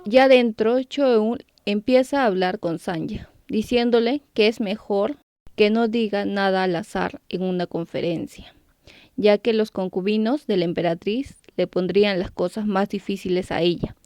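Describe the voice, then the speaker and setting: A woman's voice: mid-range voice, normal speed, darkish tone, clean tone, no echo. A woman narrating a story recap, lifting her voice on character names. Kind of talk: scripted narration.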